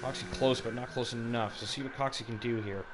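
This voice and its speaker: A man's voice: mid-range voice, steady tone, a little fast, background noise. A man doing live motorsport commentary, calling the race action as it unfolds. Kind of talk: live sim racing commentary.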